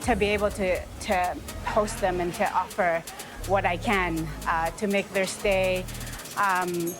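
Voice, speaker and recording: A woman's voice: on the low side, fairly even intonation, slow pace. A woman from the Philippines who runs a fitness gym, speaking hesitantly with many fillers in an interview. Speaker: fitness and martial arts gym owner. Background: music.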